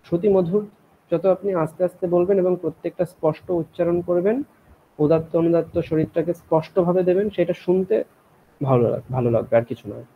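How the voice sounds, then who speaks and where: A man teaching Vedic chanting in an online class, patiently correcting students and modelling each line slowly. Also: sits high. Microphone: video call. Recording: tinny phone-like call audio with faint hiss.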